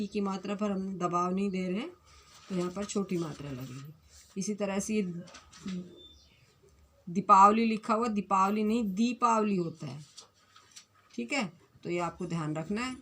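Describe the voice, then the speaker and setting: A woman's voice: lowish voice, a little hiss or hum. A woman teaching a fifth-grade Hindi grammar lesson online, speaking in a patient, repetitive way and carefully correcting words one at a time. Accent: Punjabi. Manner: explains slowly and repeats corrections.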